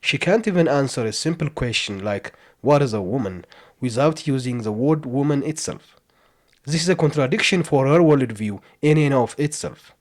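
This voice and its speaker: Male commentator, measured voice-over, mid pitch, lecturing tone. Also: lively intonation. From outside the US. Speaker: reaction commentator.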